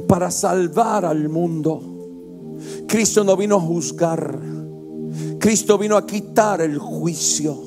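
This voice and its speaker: A male pastor preaching a sermon with passion, moving from quiet, intimate storytelling to loud, shouted exhortation. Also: on the high side. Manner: impassioned preaching, swings from hushed to shouting.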